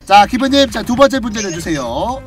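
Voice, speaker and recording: A man's voice: high-pitched, sing-song, moderate pace. A man hosting an online gaming quiz like a game show host, prompting players and counting down over music. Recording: music behind the voice.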